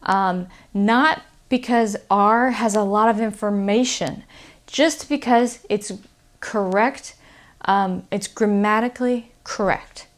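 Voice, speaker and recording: A woman's voice: medium pitch, takes it slowly. A woman with a standard American accent teaching English pronunciation in a conversational, explanatory way, often checking in with the listener. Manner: explanatory, often checks understanding with "okay?" and "right?". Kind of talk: conversational video lesson.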